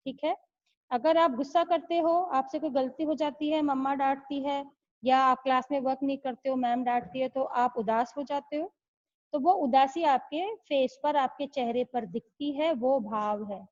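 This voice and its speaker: A woman's voice: high voice, fairly even intonation, moderate pace, a little mellow. A woman teaching young children an online lesson, patiently explaining and often checking if they understand. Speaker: school teacher. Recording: slightly muffled lo-fi audio.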